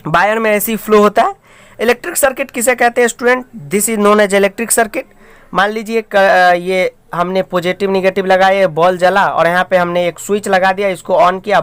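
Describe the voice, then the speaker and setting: A man's voice: high-pitched, a bit bright, clean tone, dry recording. A man teaching a school science lesson, explaining step by step and often calling out to his students while he draws diagrams. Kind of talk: classroom science lecture.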